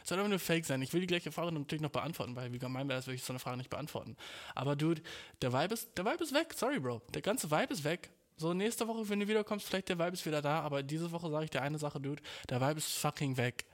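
A man's voice: a little high, fast. Grumpy young man ranting on his podcast. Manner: frustrated, slangy, swears a lot, rambling. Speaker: podcast host. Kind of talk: casual solo podcast rant. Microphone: home podcast mic.

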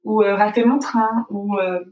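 A woman's voice: mid-range voice, fairly even intonation, measured pace, a little mellow. A woman from France, speaking as an interview guest, reflective and full of hesitant fillers. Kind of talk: casual conversational interview. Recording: echoey room, distant from mic.

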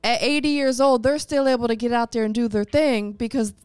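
A woman's voice: fairly high pitch, steady tone, a little fast, a little mellow, clean tone, dry recording, faint music behind. A woman in her forties hosting a casual interview, upbeat and affirming, often laughing along with her guest. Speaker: host.

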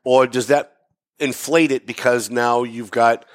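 A man in his fifties hosts a relaxed interview chat. He asks long, rambling questions and makes self-mocking jokes along the way. His voice sits at an ordinary middle pitch. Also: measured pace. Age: 50s. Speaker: host. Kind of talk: casual interview talk.

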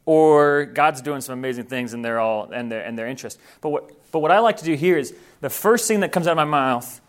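A man's voice: fairly high pitch, lively intonation, brisk. A man who grew up in Thailand, giving an earnest, informal training talk to missionaries and correcting himself as he goes.

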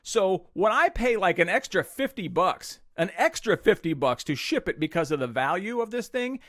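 Animated man ranting on a podcast. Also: sits high, moderate pace, no echo, studio quality. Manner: exasperated ranting storyteller, acts out quotes. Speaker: podcast host. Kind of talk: casual chat.

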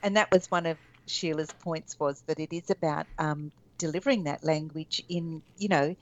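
Very low-voiced woman, lo-fi. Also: fairly even intonation. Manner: measured and thoughtful, full of restarts. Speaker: podcast co-host. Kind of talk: casual podcast chat.

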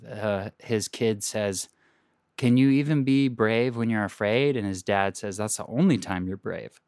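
A man's voice: mid-range voice, smooth, no room sound, clean studio sound. A young man hosting a comedic movie review show, talking earnestly and enthusiastically, rambling and restarting his thoughts. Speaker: host.

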